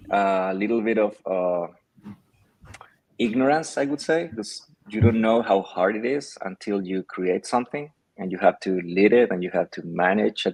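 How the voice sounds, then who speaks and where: He's a guest on a video call, a Chilean company founder with Spanish as his first language, giving relaxed interview answers. His voice is low and a little mellow, his manner thoughtful and hesitant with lots of fillers, and the recording quality is low.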